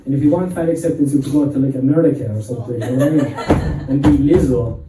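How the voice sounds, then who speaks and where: A man's voice: medium pitch, steady tone, rapid-fire, background noise. A man in his thirties with a Limerick Irish accent, doing a crude, self-mocking stand-up set and bantering with a pub crowd. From Ireland. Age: 30s. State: slightly out of breath. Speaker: stand-up comedian. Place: pub stage with live audience. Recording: roomy pub sound from a distant mic.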